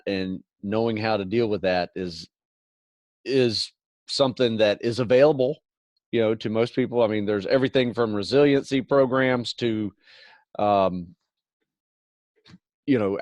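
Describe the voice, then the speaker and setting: A man's voice: fairly low pitch, darkish tone, no room sound. A middle-aged man hosting a podcast, agreeable and advising in a loose, filler-heavy way. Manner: agreeable, many "you know" fillers, advisory. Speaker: podcast host. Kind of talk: casual podcast conversation.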